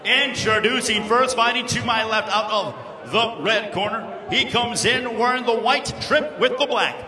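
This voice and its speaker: A man making formal boxing ring announcements, projecting in a deliberate, emphatic way. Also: very high voice, bright, forceful tone. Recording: echoing arena PA, crowd noise.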